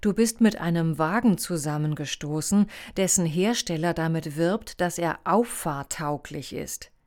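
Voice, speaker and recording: A woman's voice: low voice, a little slow, darkish tone. Woman reading a firm, caring young woman. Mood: earnest. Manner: firm, soothing.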